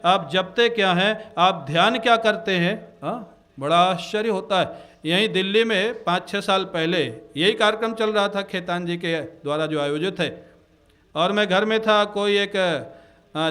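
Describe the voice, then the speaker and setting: A man with a high voice preaches to a gathering. He tells moral stories, breaks into chanted Sanskrit verses, and keeps checking with his listeners with a quick "haan?". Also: fairly bright tone. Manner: storytelling, quoting Sanskrit verses, asks the audience "haan?". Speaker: spiritual preacher. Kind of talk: devotional discourse. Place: religious gathering in Delhi.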